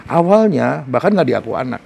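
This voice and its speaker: A middle-aged man and talk show guest giving an earnest, heartfelt personal testimony in conversation, slow and emphatic. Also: mid-range voice, big pitch swings, creaky, a little mellow, a little hiss or hum.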